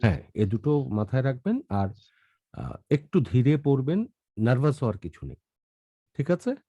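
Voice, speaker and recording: A man coaching students through a reading lesson, patient and exact about each word. His voice is very dark and mellow, and his pitch rises and falls freely. The sound is dry and a little dull. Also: big pitch swings, moderate pace, slightly rough, dry recording. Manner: patient, corrects pronunciation word by word. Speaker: reading and pronunciation teacher. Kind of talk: online class coaching.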